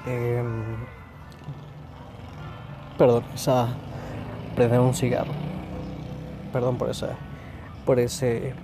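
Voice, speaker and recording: A man's voice: mid-range voice, monotone, takes it slowly, creaky, long pauses, over music. A man with a Mexican accent, talking casually and rambling in a laid-back, slangy way to his listeners. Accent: Mexican Spanish. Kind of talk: casual monologue.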